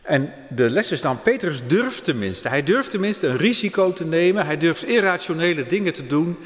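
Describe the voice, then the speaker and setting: A man's voice: on the high side, lively intonation, moderate pace. A man reading scripture aloud and then preaching on it in plain speech. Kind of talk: Bible reading and sermon. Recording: long hall reverb.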